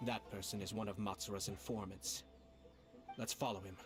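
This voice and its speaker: A man's voice: fairly low pitch, steady tone, normal speed, lightly acted. A man playing a watchful, anxious observer in a video game. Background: game music.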